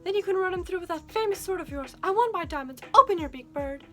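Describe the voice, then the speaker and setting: A grand old duchess who was once an opera star screeches high and loud , as a woman puts her on. Her voice is shrill and operatic, pushed far above a normal speaking pitch. Music plays behind her. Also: expressive, fast talker. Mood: shrieking.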